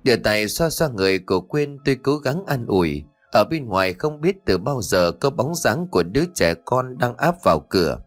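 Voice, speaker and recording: A man narrating a horror story as a storyteller, reading in a steady, measured way. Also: fairly low pitch. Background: faint music.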